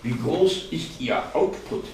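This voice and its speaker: A man's voice: on the high side, expressive, takes it slowly, slight background noise, voice pushed up. A man reading as a sarcastic, indignant office scholar. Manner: sarcastic, exasperated outbursts. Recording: echoey hall, voice far from mic.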